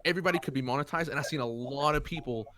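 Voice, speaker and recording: A man's voice: on the high side, very fast, a bit bright, a little hiss or hum. A man who is a guest on a casual podcast, talking in a rambling, self-deprecating way and giggling often. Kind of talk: casual chat.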